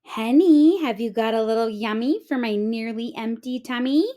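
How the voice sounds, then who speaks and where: A woman's voice: fairly high pitch, moderate pace, mellow, close to an everyday voice. A woman voicing a hungry, demanding little tomten in a storybook, given to exclaiming. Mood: hungry, wheedling.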